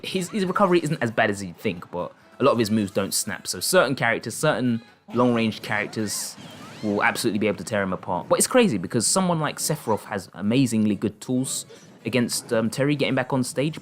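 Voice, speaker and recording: A male game streamer and commentator calls the action excitably on a live stream, with faint music playing. His pitch leaps up at big moments, he laughs often, and he mixes play-by-play with chat.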